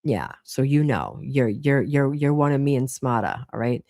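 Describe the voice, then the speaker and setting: Boston woman in her thirties hosting a live chat, blunt and foul-mouthed, with a gravelly voice recorded close and dry. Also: extremely low pitch, animated, moderate pace, darkish tone, no echo. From Boston, Massachusetts. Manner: chatty, blunt, swears freely. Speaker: livestream host. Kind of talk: casual late-night live chat.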